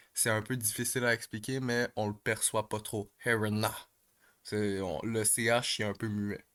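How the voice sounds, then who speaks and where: A man calmly explains language exercises step by step, pausing often and filling gaps with hesitations. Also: on the low side. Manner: hesitant, many pauses and fillers.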